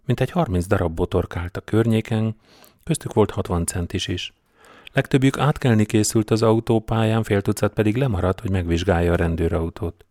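Man, audiobook narrator, low voice, deadpan, measured, dry close recording. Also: dry recording. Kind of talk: scripted narration.

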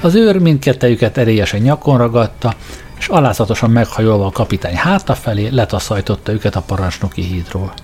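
A man narrating an audiobook in a measured storytelling manner, with soft music behind. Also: on the low side, lively intonation. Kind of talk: scripted narration.

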